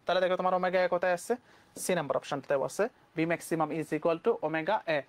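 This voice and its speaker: A young man from Bangladesh with a Bangladeshi Bengali accent, teaching physics exam questions briskly and mixing English terms into his speech. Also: high voice, fairly even intonation. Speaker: physics tutor. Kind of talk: exam-prep lesson.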